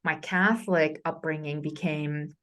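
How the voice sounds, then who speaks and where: Lower-voiced woman from Romania recalling her childhood. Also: fairly even intonation, a little slow, a bit bright. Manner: hesitant, with many fillers and restarts. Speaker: guest scholar. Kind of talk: conversational storytelling.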